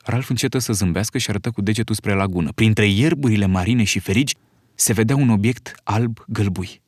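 A man narrating an audiobook in an expressive storytelling manner. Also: fairly low pitch, no echo, clean studio sound. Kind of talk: scripted narration.

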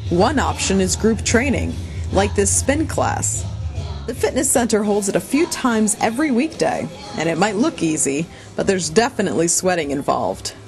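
A woman delivers scripted news narration in the manner of a military reporter. Her voice sits at a medium pitch, with music playing faintly behind her. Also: sing-song, moderate pace.

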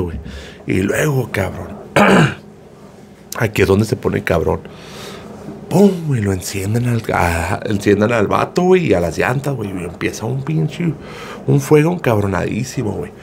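A man's voice: lowish voice, very animated, moderate pace, creaky, a little hiss or hum. A man, casually retelling a viral video as gossip, slangy and profane, with a filler word after nearly every phrase. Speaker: gossip storyteller.

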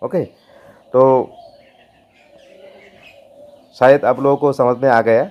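A man hosting a keyboard tutorial, talking slowly and repeating himself, pleading with viewers. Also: medium pitch, steady tone, muffled recording. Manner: slow, repetitive, pleading.

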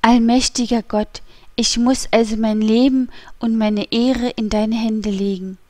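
A frightened queen in a storybook reading pleads and groans in despair, as a woman puts her on. Her voice sits at a middling pitch and turns breathy when fear grips her. It is close and dry, with no room around it. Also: steady tone, a little slow, warm tone, dry recording, natural voice. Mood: fearful. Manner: anguished, pleading, breathy at times. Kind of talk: audiobook character voice.

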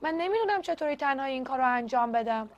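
A woman's voice: sits high, animated. A woman voicing a worried, devoted male clownfish father in a children's storybook, talking in a pleading way. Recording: dull lo-fi recording.

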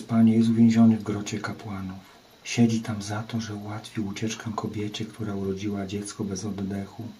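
Male reader doing a fearful prisoner warrior, pleading, low and flat. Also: a little hiss or hum, natural voice. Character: frightened captive male island warrior.

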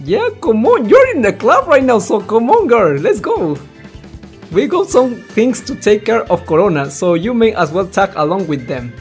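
Soft music plays behind a high-pitched, very animated man speaking at normal speed. As a let's player, he reads visual novel lines aloud with casual reactions, rambling on, stumbling over his words, and cursing mildly.

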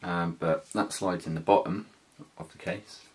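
A man's voice: deep voice, steady tone, measured pace, darkish tone. A British man in his thirties giving a casual, slangy, slightly hesitant hands-on gear walkthrough indoors. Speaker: motovlogger. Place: small living room, indoors.

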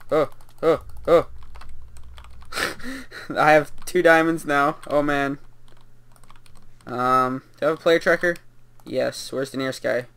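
A man's voice: mid-range voice, fairly even intonation, a little slow, creaky, pauses often, a bit bright, smooth. A young man giving casual, rambling commentary while playing a video game, with lots of fillers and laughter. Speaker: gameplay commentator.

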